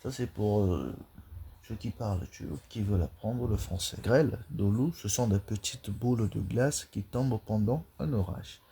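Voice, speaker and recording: A man's voice: lowish voice, moderate pace, vocal fry, mellow, slight background noise. A man giving a vocabulary lesson, listing words one at a time and repeating each. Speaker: language teacher.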